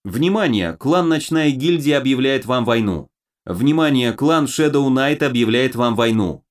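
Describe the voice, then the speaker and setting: A man's voice: medium pitch, expressive, a little slow, lightly acted. A man voicing an impersonal game system that announces declarations of war formally.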